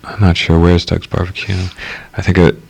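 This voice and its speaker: A man with a very deep, gravelly voice talks casually on a radio show, wandering through his sentences with fillers and restarts. His delivery stays flat and level throughout. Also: moderate pace. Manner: rambling, hesitant, with many fillers and restarts. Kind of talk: casual conversation.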